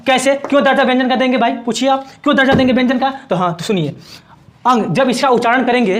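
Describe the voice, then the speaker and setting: A man teaching a grammar lesson at a board, asking questions and answering them himself and repeating each definition. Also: extremely high pitch.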